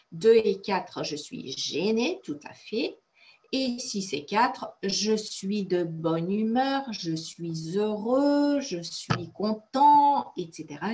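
A woman teaching French in an online class, praising students often and explaining phrases step by step, with Russian as her native language. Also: medium pitch.

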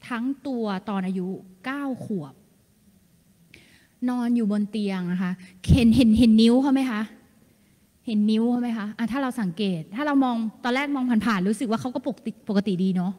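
A woman giving a lively seminar talk to an audience. She laughs often and calls on people in the room. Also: on the high side. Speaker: insurance sales manager giving a seminar talk. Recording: long hall reverb.

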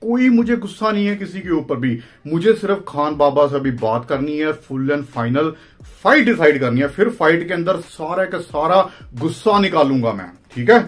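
A man's voice: a little high, animated, normal speed. A young Indian man hosting a phone-call vlog, brash, taunting and impatient, with an Indian accent. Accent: Indian Hindi. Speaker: wrestling channel host.

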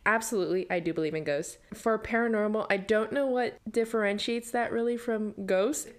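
A woman's voice: medium pitch, brisk. A young woman from Hawaii co-hosting a podcast, chatting casually with her best friend and laughing often. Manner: chatty, giggly, animated retelling. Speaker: podcast co-host. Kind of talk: casual chat.

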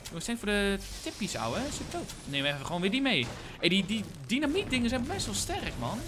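A young man, live-streaming a game, excitable and slangy, shouting when hyped. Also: sits high, brisk. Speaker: gaming streamer.

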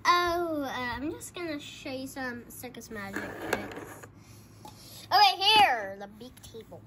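A woman with a fairly high voice chats informally as she hosts improvised pretend play. Her pace is on the slow side. The handheld home recording is very noisy, with clicks. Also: lively intonation. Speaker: host of a toy play video. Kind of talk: casual improvised pretend play with toy pets. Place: indoors at home, on a carpeted floor. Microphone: handheld phone camera.

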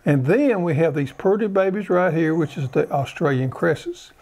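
A man with a Southern American accent, chatting in a slow, folksy way as he explains his garden. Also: on the high side, animated, vocal fry, a little mellow. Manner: folksy, drawling, unhurried. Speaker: garden show co-host. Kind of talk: casual how-to chat.

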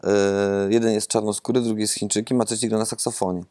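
Seated in an empty theatre auditorium with a lapel mic, a theatre director in his thirties gives rambling, thoughtful interview answers, hesitating often and repeating words. He talks fast, his voice somewhat low, level in tone, and a little mellow.

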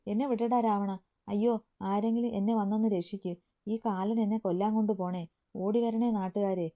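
A woman's voice: medium pitch, normal speed, dark tone, natural voice. Woman voicing a feisty stubborn young woman. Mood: protesting.

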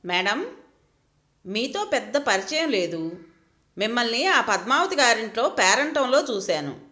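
Hesitant young typist, earnest, lively higher voice , read by a woman. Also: measured pace, heavily acted.

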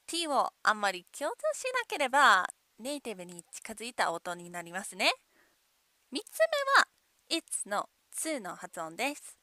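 A native English-speaking woman from California teaches pronunciation in Japanese, slowing down to demonstrate each phrase. Her voice sits fairly high and sounds bright and lively. It is recorded close and dry. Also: no echo. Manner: patient, demonstrates phrases slowly.

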